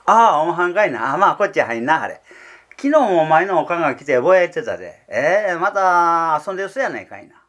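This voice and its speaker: A man's voice: a little high, very animated, brisk, fairly bright tone, voice pushed up. A man voicing an exasperated, fatherly older neighbour who scolds and advises in a Kansai accent, in rakugo storytelling. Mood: exasperated advising.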